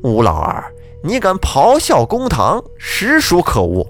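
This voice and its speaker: A man's voice: medium pitch, big pitch swings, takes it slowly, soft background music. A man voicing a stern, imperious county magistrate who rebukes the court and lays out his verdict. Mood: bellowing. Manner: commanding, bellowing rebukes.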